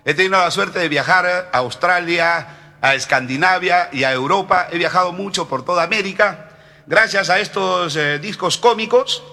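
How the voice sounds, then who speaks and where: A man with a Peruvian Spanish accent telling jokes on a comedy record in a punchy, lively way. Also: sits high, normal speed, gravelly, long reverb tail.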